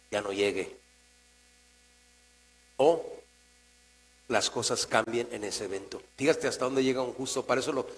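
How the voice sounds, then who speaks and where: Mexican-accented male pastor, mid-pitched, conversational preaching that swings quiet to emphatic, low electrical hum under it. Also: rough recording. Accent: Mexican Spanish. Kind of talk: sermon. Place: church. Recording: mains hum in the background.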